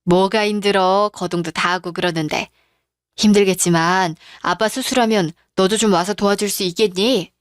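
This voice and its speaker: A woman's voice: mid-range voice, steady tone, moderate pace, dry recording, clean studio sound, lightly acted. A woman doing a fussing older mother. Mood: motherly.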